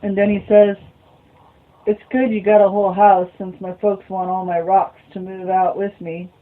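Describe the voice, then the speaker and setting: A woman's voice: medium pitch, flat delivery, moderate pace. A woman reading a novel aloud as a storyteller, muttering short asides to herself between passages. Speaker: reader. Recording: phone-like lo-fi recording.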